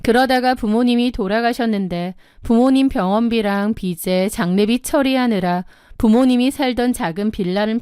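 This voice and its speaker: A woman in her thirties telling a first-person story in a measured, indignant way. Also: medium pitch, a little mellow, smooth, dry recording, clean studio sound. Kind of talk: scripted first-person narration.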